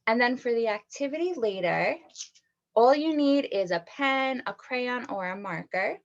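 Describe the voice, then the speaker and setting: A woman teacher leads an online read-aloud for young children, speaking slowly and clearly. Her voice sits a little high, and she keeps asking questions and praising every answer. The sound through her computer mic is dull and lo-fi. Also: animated.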